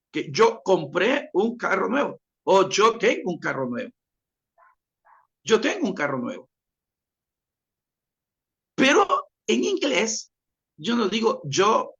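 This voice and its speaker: A man's voice: sits high, big pitch swings, takes it slowly, creaky, pauses often, a bit bright, dull audio. A man teaching a class, explaining by repeating his examples and speaking straight to his listeners. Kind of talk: classroom lecture.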